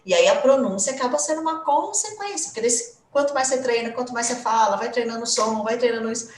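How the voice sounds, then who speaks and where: A woman's voice: fairly high pitch, fast talker, a little hiss or hum. A woman English teacher hosting a live stream, talking in an enthusiastic, encouraging way. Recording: echoey room, voice a bit far from the mic.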